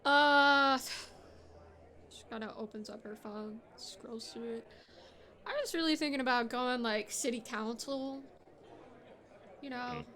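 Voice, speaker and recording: A woman playing a tabletop role-playing game, chatting and joking quickly about her character's plans. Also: a little high, sharp tone, a faint crowd. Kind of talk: casual play and in-character chat.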